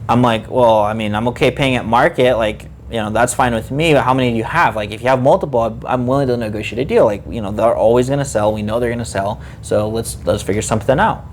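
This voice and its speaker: Man, podcast co-host, exasperated and animated, mid-pitched. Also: fast talker, few pauses, a little hiss or hum. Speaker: card shop co-host. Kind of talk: casual podcast chat.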